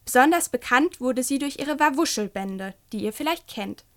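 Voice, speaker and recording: A woman reading a children's book aloud and talking gently to young listeners. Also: high-pitched, animated, moderate pace. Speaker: storyteller.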